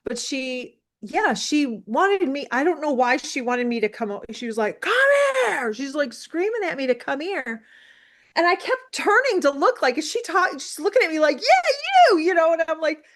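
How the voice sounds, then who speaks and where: Woman, 60s, from the US, interview guest; animated, rambling storyteller, voice a touch high. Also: moderate pace. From United States. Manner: animated, rambling with many fillers. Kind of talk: casual storytelling.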